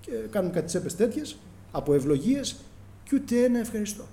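A man's voice: sits high, sing-song, vocal fry, dark tone. A middle-aged man preaching a sermon, calling the congregation brothers and acting out prayers and dialogue with passion.

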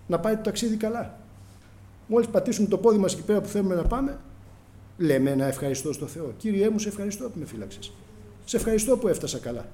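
A man's voice: high-pitched, mellow. A middle-aged man preaching a sermon, calling the congregation brothers and acting out prayers and dialogue with passion.

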